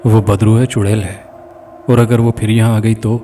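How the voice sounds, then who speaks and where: A man's voice: lowish voice, level tone, mellow, slight background noise, natural voice. A man voicing a terrified young man who stammers in fear in a horror story. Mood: frightened. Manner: stammering, fearful. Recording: distant mic with faint music.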